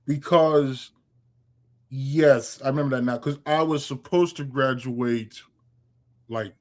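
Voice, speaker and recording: Speaking slowly at medium pitch, a young man hosting a podcast chats casually in an interview, wandering through memories with lots of fillers and restarts.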